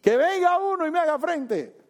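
A man voicing a boastful giant warrior who shouts mocking taunts, in an echoey hall. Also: big pitch swings, moderate pace, heavily acted. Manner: shouted taunts, high and loud.

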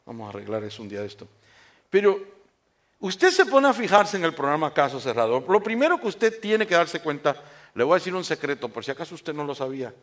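Animated high-voiced male preacher. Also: brisk. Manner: animated, shifts between loud emphatic lines and soft asides; uses mocking voices for quoted people. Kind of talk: sermon. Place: church.

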